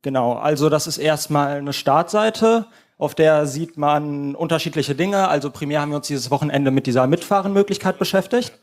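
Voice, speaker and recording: Male presenter, slightly high voice, explaining a live app demo one step at a time. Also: normal speed. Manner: walks through screens step by step. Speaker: team presenter at a hackathon.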